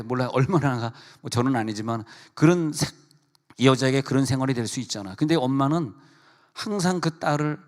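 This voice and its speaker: Korean pastor preaching in a reverberant sanctuary. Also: male voice, mid-range voice. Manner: acts out a mother and daughter in lively voices; speaks directly to the congregation with questions. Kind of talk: sermon. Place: church sanctuary.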